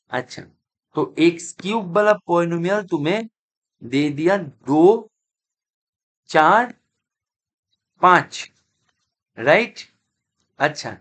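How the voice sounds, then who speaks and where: A middle-aged man gives a math exam-prep lecture in a fairly high voice. He explains step by step and deliberately, calls his students "beta", and keeps asking whether it is clear. He drops English math terms and a few other words into his talk. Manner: mixes Hindi with English math terms and some Bengali; speaks slowly and deliberately at times. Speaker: math teacher.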